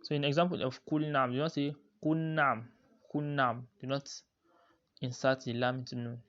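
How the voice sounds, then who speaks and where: A man's voice: mid-range voice, fairly even intonation. A man teaching the rules of Quran recitation in a lesson, often stopping to repeat himself and restart his sentences. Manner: halting, repeats and restarts, drawn-out Arabic recitation terms. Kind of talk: religious lesson explaining a poem. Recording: dull lo-fi recording.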